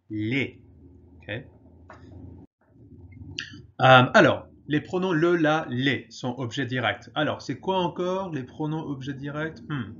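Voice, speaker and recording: A man teaching French grammar in a slow, patient way, pausing often and switching to English to explain. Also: medium pitch, a bit bright, muffled recording. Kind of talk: grammar lesson.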